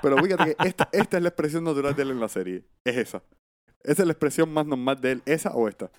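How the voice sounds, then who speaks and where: Guy rattling off stuff super quick, hyped, keeps saying papá. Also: on the high side. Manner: rapid, excitable, says "papá" a lot. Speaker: podcast co-host. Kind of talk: casual chat.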